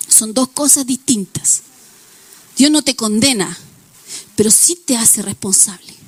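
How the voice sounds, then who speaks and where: Woman pastor, sermon, fairly high voice, everyday examples, acted quotes. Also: fairly bright tone, no room sound.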